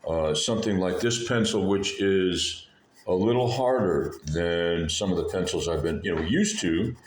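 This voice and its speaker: A man with a low-pitched voice gives an informal, rambling art tutorial. He talks haltingly, circling back and rephrasing as he goes. The room is echoey, with a faint noise behind him. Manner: halting, meandering, often breaks off and rephrases mid-sentence. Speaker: art lesson video host.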